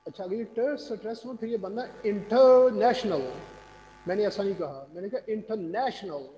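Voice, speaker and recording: A man's voice: sits high, fast, dark tone, muffled recording. Man teaching online in a roomy echo. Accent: Pakistani. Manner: patient, quizzes students. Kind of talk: online class lecture. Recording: roomy reverb, faint noise.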